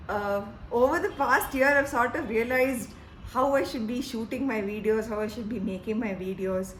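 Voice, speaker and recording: A woman from India, hosting her cooking channel and chatting cheerfully to the camera at home. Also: sits high. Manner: chatty and cheerful, with light fillers. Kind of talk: casual chat to camera. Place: home room with cats around. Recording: echoey room with faint background noise.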